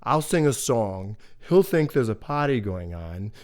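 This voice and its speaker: A man voicing a sly, scheming big bad wolf who coaxes and wheedles in a fast-talking way, as part of a live folk-tale telling. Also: medium pitch, big pitch swings, a little mellow.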